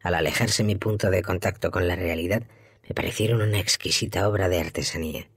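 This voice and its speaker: Man, audiobook narration, very low voice, dry close sound, measured steady reading. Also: no echo.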